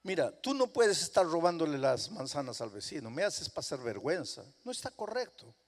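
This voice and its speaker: A man's voice: on the high side, big pitch swings, brisk. A man preaching a sermon, voicing a stern but loving mother scolding her young son in a firm, insistent tone. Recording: long hall reverb.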